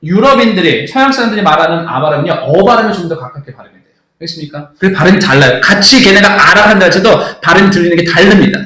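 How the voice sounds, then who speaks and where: A male English teacher lectures with a blunt, emphatic delivery and a fairly high voice. He keeps checking whether the class has understood. The room adds a noticeable echo. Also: lively intonation, fast talker, bright, forceful tone.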